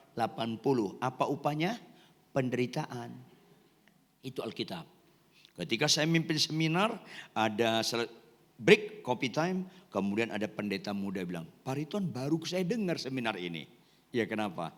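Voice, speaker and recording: A male pastor preaching an animated sermon, joking and quizzing his congregation and shouting now and then. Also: medium pitch, in a large hall. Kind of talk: lively sermon.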